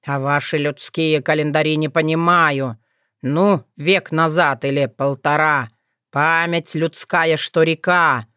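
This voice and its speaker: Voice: medium pitch, fairly even intonation, slow pace, sharp tone, clear, resonant tone, no echo, studio quality. A reader voicing a spiteful, half-mad old male forest spirit who snarls and gloats. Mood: gloating.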